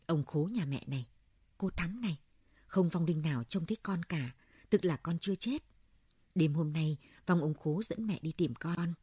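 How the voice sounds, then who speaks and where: A woman's voice: low-pitched, expressive, moderate pace, dark tone, breathy edge, dry recording, studio quality. A woman doing a dazed old village woman. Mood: dazed, tearful. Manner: rambling, dreamlike. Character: elderly grieving village woman, dazed, talks to spirits.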